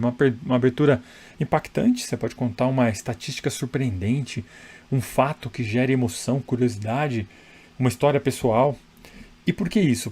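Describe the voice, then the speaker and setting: A man with a mid-range, slightly mellow and husky voice coaches public speaking straight to the camera. His direct-to-camera advice is chatty and emphatic, and he keeps checking in with the viewer through tag questions.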